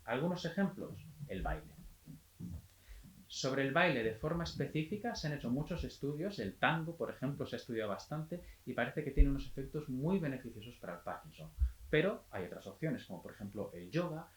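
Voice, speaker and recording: A man working as a physiotherapist, giving a calm, explanatory health talk and restarting phrases now and then. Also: mid-range voice, a little fast, echoey room, low-quality recording.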